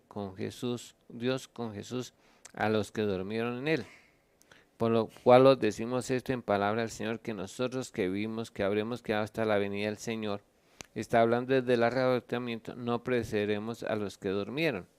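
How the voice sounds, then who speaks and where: The speaker is a Colombian pastor, his medium-pitched voice a little mellow and clean, answering questions about the Bible. He explains at length and reads scripture aloud, breaking off to look up verses.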